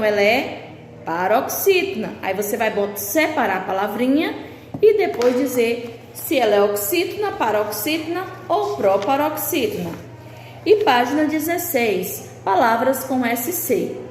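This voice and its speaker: Slow patient Brazilian woman teaching. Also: on the high side. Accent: Brazilian Portuguese. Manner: slow, patient explaining, reading out questions. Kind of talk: remote lesson walking through a workbook. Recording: echoey room with long reverb, faint background hiss.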